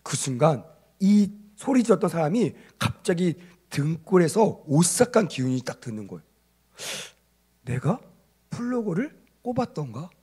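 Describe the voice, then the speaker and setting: A man's voice: on the high side, warm tone, slightly rough. A male pastor preaching a sermon to a young adult congregation, telling a story and acting out its characters with emphasis. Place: church service.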